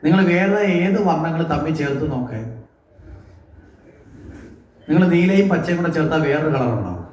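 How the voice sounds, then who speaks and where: A man's voice: a little high, sing-song, moderate pace, pauses often, a little mellow, echoey room. A man giving a devotional scripture discourse at a temple, often asking the listeners questions and answering them himself. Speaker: religious discourse speaker. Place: temple hall.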